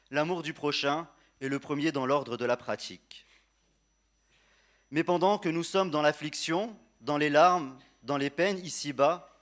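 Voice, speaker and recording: A man delivers a prepared funeral eulogy addressed to the deceased, in solemn, measured and tender oratory with repeated phrases and quiet grief. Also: fairly high pitch.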